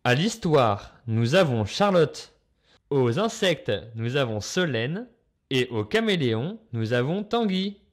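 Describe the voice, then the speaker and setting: A man's voice: mid-range voice, big pitch swings, slow pace. A man presenting a theatre troupe and its cast before a children's play. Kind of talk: stage announcement.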